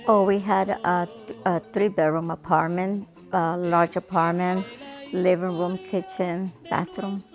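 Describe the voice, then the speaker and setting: An older woman from Ecuador slowly and fondly recalling her childhood. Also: lowish voice, little pitch movement, soft background music. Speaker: interviewee. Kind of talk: reminiscing interview.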